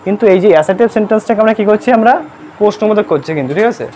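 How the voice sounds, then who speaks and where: Brisk classroom grammar teacher, quizzing. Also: medium pitch, animated, mellow, slight background noise. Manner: quizzes students constantly, checking "understood?"; spells words letter by letter. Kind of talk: live classroom lesson in Bengali. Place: classroom with pupils present.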